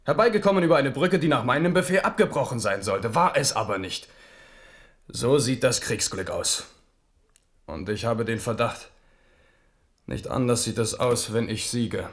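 In a radio play, a male actor with a medium-pitched, natural voice plays a restless Renaissance French king wracked by self-doubt. He speaks standard German at a normal pace, brooding and ironic, sounding bitter and agitated.

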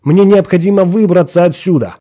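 A man voicing a desperate middle-aged clerk who insists he is alive, pleading and nearly shouting. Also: high voice, brisk, voice pushed up, close to an everyday voice.

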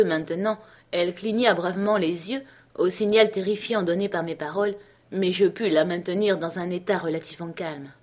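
A woman narrating an audiobook in a measured, dramatic reading voice. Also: fairly low pitch. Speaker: audiobook reader.

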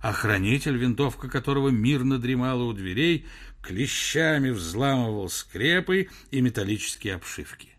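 Male narrator, audiobook reading, animated intonation, mid pitch. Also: moderate pace.

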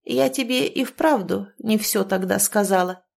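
Fields: woman reading the part of an old forest witch. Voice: hoarse, low-key, resigned. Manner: grumbling and quiet. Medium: storybook reading. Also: a little slow.

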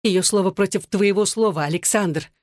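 A reader voicing an adult woman, a betrayed wife, shouting and bitter through tears in an audiobook. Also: medium pitch, moderate pace, dry recording, studio quality, lightly acted. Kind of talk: audiobook narration.

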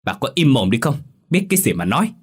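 Man doing a gruff, shouting village father. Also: fairly low pitch, big pitch swings, very fast, heavily acted. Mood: angry. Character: hot-tempered middle-aged village father, shouting.

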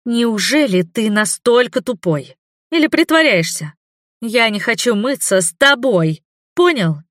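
A man voicing a defiant, hot-tempered young woman in an audiobook, with shrill, indignant outbursts. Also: expressive, measured pace, fairly bright tone, no room sound, studio quality. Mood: exasperated. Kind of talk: audiobook character voice.

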